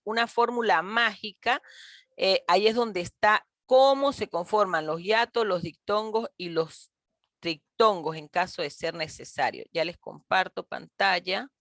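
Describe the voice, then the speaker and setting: Teaching grammar online through a computer mic on a video call, a woman speaks with a medium-pitched, slightly bright voice, captured in studio quality with no echo. She stays patient and encouraging, addressing the class as "mis niños" and "chicos" and frequently asking "¿ok?".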